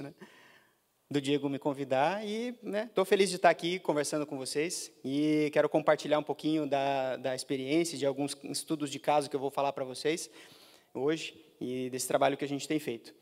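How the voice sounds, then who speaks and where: A man from northern Paraná giving a relaxed business talk to a small group, often checking in with "né". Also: on the high side, moderate pace, long reverb tail. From northern Paraná, Brazil. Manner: conversational, many fillers like "né". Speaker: guest speaker. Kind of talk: business lecture. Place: small lecture room.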